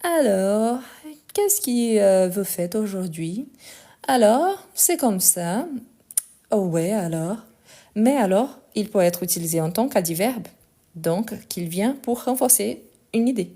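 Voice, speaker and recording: A woman's voice: mid-range voice, animated, slow, warm tone. A woman with a non-native accent in French, teaching a live online lesson. She explains step by step, often checks in with the viewers, and tends to speed up as she talks. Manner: tends to speed up while talking.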